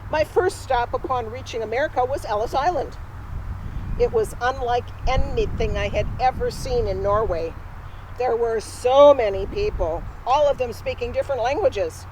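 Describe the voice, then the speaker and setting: A woman's voice: a little high, normal speed, a little mellow, slight background noise, natural voice, poor audio. A woman playing a spirited Norwegian immigrant woman. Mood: chatty. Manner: talks straight to a live audience, friendly storytelling. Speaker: costumed re-enactor. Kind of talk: first-person historical re-enactment. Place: outdoors at a cemetery.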